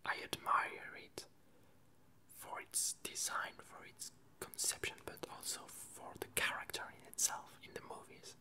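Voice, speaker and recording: An ASMR creator chatting casually in a breathy, unvoiced whisper, in a halting, rambling way with frequent self-corrections. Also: pushed and bright, low-quality recording.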